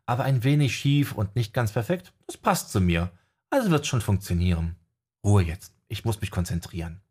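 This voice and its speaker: A man's voice: lowish voice, very animated, normal speed, a little mellow, slightly rough. A man voicing an earnest, self-deprecating young male wind mage in an audiobook. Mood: sighing. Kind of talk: audiobook character voice.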